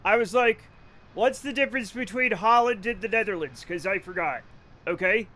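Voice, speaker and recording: A Rhode Island man chats casually while gaming on a live stream, rambling, joking, cursing freely and laughing often. His voice is high-pitched, pushed and bright, at a moderate pace.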